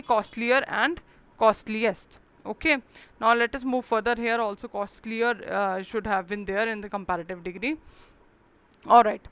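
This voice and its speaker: A woman's voice: fairly high pitch, a bit bright, clear, resonant tone, no room sound. A woman teacher giving a grammar lesson to children, patiently explaining in mixed English and Hindi and spelling words out letter by letter.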